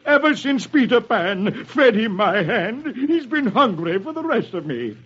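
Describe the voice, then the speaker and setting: A man voicing a ferocious, vengeful pirate captain in an old radio comic-strip reading, with snarling, drawn-out melodrama. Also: high-pitched, sing-song, a bit bright, husky, voice pushed up, full character voice. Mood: bitter snarling. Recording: dull old radio recording, music behind.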